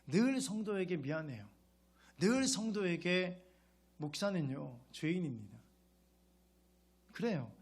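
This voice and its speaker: A man's voice: high voice, big pitch swings, measured pace, pauses often, breathy edge. A male pastor preaching a sermon in a conversational way, often putting rhetorical questions to his congregation and acting out a child's grateful words.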